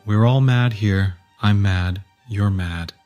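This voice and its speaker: A languid, cheerfully mad storybook cat, pitched far down into a low register. It speaks in unhurried, matter-of-fact riddles, with faint music underneath. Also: female voice, dark tone. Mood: mad, teasingly logical.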